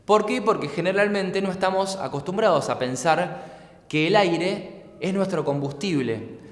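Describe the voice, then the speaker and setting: A man's voice: high-pitched, animated, a little slow. Man lecturing in an echoey hall. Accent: Argentine Spanish. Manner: clear, patient, asks rhetorical questions. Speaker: teacher. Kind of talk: explanatory lecture. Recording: echoey room with long reverb.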